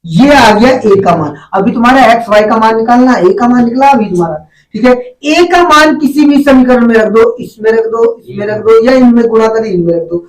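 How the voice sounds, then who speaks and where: High-pitched man teaching math. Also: normal speed. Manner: asks questions, addresses students as "beta". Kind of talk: classroom lesson, call-and-response. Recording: echoey room, distant mic.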